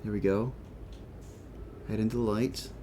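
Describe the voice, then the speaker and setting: A man's voice: on the low side, fairly even intonation, a little slow, mellow, slight background noise. A man doing casual let's play commentary, thinking aloud, with a whistling s from a chipped tooth. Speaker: gaming host.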